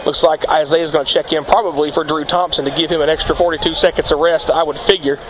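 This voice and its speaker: A man doing live play-by-play basketball commentary, out of breath, with rapid excited calls and frequent laughs. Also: fairly high pitch. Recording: loud crowd and noise at a gym.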